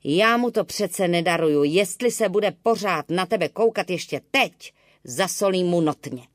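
A woman's voice: medium pitch, animated, no echo, clean studio sound, voice pushed up, natural voice. A woman voicing a hot-tempered young village bridegroom who talks in an angry, blustering way.

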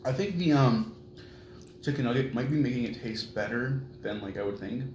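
A man casually tasting and rating hot sauces, talking in a rambling way with halting restarts. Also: medium pitch, darkish tone. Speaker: taste tester. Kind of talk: casual chat. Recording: roomy with clear background noise.

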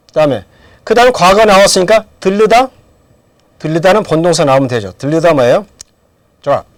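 Middle-aged male language teacher, animated delivery, dry recording, drills the class with questions. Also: high-pitched, dry recording. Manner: asks questions and answers them himself. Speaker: English teacher. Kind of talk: lecture with drills.

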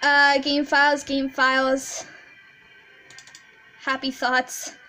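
A woman's voice: sits high, completely flat delivery, takes it slowly, sharp tone, soft background music. A woman playing a horror game on her channel, reading the story aloud in a scared, stammering voice with nervous laughs. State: scared, heart racing. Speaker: gaming channel host. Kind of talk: let's play, reading a visual novel aloud.

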